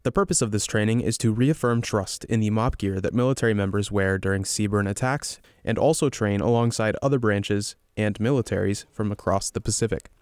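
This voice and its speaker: A young man narrates a scripted military news report. His voice sits a little low and is smooth and clean. The recording is dry, with very little room sound. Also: brisk, few pauses, no room sound.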